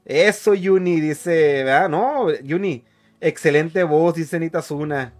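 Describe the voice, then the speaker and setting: Excitable high-voiced man hosting live. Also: slow, reverberant, faint music behind. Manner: laughing, excitable, reads comments aloud. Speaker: host of a church online program. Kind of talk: casual chat, reading live comments.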